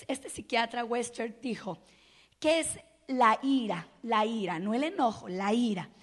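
A woman's voice: on the high side, long reverb tail. A woman giving a sermon-style talk, telling stories and acting out the people in them. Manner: animated storytelling, acting out quoted people. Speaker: speaker at churches.

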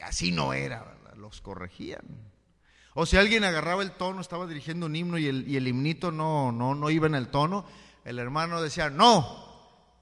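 A man's voice: fairly high pitch, a bit bright. A male pastor giving a conversational sermon, often checking in with the congregation through rhetorical questions. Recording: long hall reverb.

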